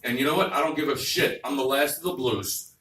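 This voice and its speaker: A man's voice: medium pitch, brisk, bright, forceful tone. A man doing a crude, vulgar, rambling stand-up comedy set on a club stage. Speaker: stand-up comic. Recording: roomy club, distant mic, faint noise.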